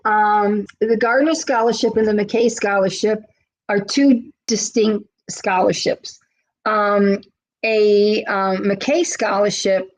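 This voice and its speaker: A woman's voice: medium pitch, poor audio. A woman in her fifties, a special education advocate, telling stories in a webinar with many fillers and restarts. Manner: chatty storytelling with many fillers. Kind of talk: webinar presentation.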